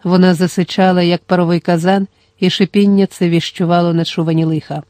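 A reader narrating an audiobook in a steady, measured storytelling manner. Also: medium pitch, dry recording.

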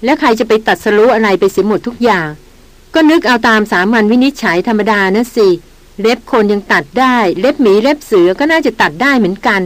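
A woman's voice: a little high, expressive, no room sound, close to an everyday voice, poor audio. A woman reading the lines of a petulant young woman scholar in an audiobook, with a slightly raised voice. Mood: snappish. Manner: petulant, quick to snap back. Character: pert young woman scholar, sharp-tongued.

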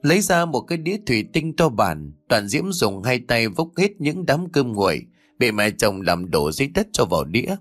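A man narrating a dramatic family story in a scripted, expressive way. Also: mid-range voice, moderate pace, no echo. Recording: dry close mic, faint background music.

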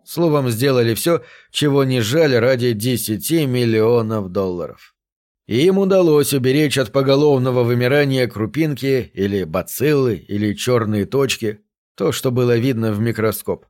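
Man, audiobook narrator, measured steady reading, medium pitch.

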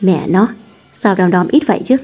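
A woman voicing a tired male assistant who grumbles in exasperation, a touch lower than her usual voice. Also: normal speed, darkish tone, breathy edge, faint music behind. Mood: grumbling.

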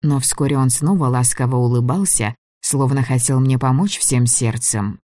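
A man narrating a fantasy novel in a steady, measured audiobook reading. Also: mid-range voice, no echo, studio quality.

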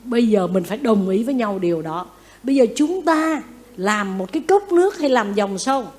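Lively nun preaching. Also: female voice, fairly high pitch, normal speed, slight background noise. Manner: lively, asks the audience questions, acts out quotes. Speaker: Buddhist nun giving a dharma talk. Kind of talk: sermon.

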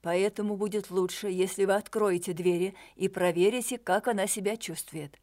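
A woman's voice: medium pitch, steady tone, moderate pace, darkish tone, close to an everyday voice. Woman reading as a firm, insistent detective. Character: determined male detective, insistent and commanding.

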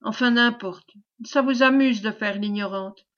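A timid young peasant lad, as a woman reader voices him, pleading in a tearful, respectful tone yet refusing to budge. The pitch sits rather high and the recording sounds a little dull and lo-fi. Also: a little slow, lightly acted. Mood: determined. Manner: pleading, respectful but determined.

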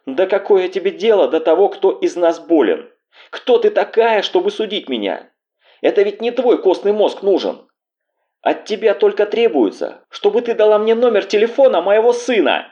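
A man reading aloud voicing a desperate middle-aged mother who pleads and then bursts into furious shouting. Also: medium pitch, big pitch swings, unhurried, lo-fi sound.

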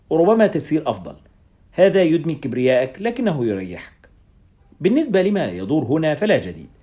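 A man's voice: on the high side, a little mellow. A man reading a first-person story aloud in a scripted audiobook narration.

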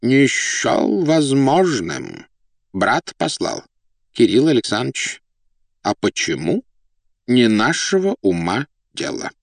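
Male reader as a mild elderly nobleman, soft-spoken and lifted in pitch. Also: sing-song, measured pace, dry recording. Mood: weighty. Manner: meek, gentle, mildly insistent. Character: elderly mild-mannered male prince governor.

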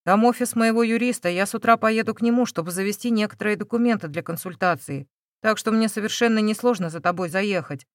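A calm, caring man in his thirties speaks softly and reassuringly, voiced a little lower by a woman reading an audiobook. The recording is dry and close, with no room sound. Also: fast, no echo, close to an everyday voice. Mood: gentle. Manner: gentle, reassuring. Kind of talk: audiobook character voice.

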